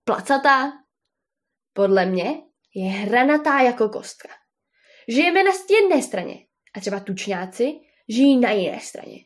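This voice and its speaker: A loud, mocking male bear who laughs at everyone's tales, put on by a woman reading a storybook. He sneers and talks down with smug certainty, in a fairly high voice. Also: animated, natural voice. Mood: sneering. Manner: booming laughter, scoffing. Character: boisterous scornful male bear, mocking know-it-all.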